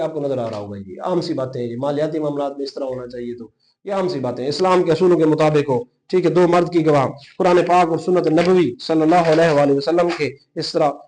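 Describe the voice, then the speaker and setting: In a high-leaning, darkish voice, a teacher preparing students for a law exam explains concepts and dictates notes in an informal manner. He speaks Urdu with a Pakistani accent, weaving in English technical and legal vocabulary and returning to key terms often.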